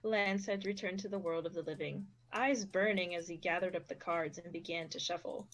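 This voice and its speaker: Low-pitched young woman narrating fan fiction. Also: steady tone, moderate pace. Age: young adult. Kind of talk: amateur fan fiction reading.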